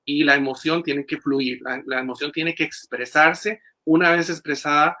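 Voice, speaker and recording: A man's voice: a little high, fairly even intonation, normal speed, bright, forceful tone. A man, a clinical psychologist explaining things in an interview with many fillers and restarts, over a video call. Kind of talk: interview answers.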